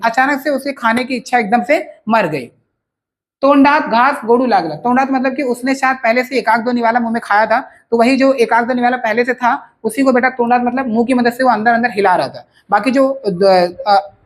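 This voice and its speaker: A woman teacher explaining a textbook lesson line by line, patiently repeating and rephrasing for her students. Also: fairly high pitch. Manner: repeats and rephrases patiently, addresses listeners as children.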